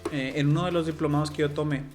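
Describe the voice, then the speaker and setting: A man's voice: a little high, fairly even intonation, fast talker. Mexican man, interview guest, patient explainer, faint music under the voice. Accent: Mexican Spanish. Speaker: sign language interpreter guest. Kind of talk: casual interview talk.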